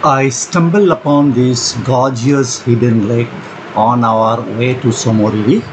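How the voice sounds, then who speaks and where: A man with an Indian English accent narrating his mountain road trip vlog outdoors, slow and descriptive with pauses. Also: medium pitch, fairly even intonation. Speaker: travel vlogger. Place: outdoors by high mountain lakes, windy. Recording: wind noise on the mic, muffled.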